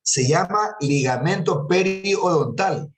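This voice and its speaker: A man's voice: high-pitched, expressive, takes it slowly, echoey room, slight background noise, rough recording. A man teaching an anatomy class, patiently repeating terms and quizzing his students. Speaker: anatomy lecturer. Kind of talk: classroom lecture.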